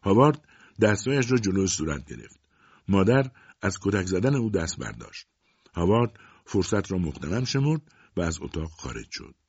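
A very low, husky male voice reading a story aloud, with a lively, wide-ranging delivery. The sound is dry and close, on a dull lo-fi recording. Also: no room sound. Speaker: narrator. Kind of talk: audiobook story narration.

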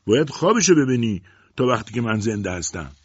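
A man voicing a stingy, domineering farmer father who talks loud and mocking in an audiobook. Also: medium pitch, expressive, breathy edge, dry recording, lo-fi sound, voice pushed up. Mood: scornful.

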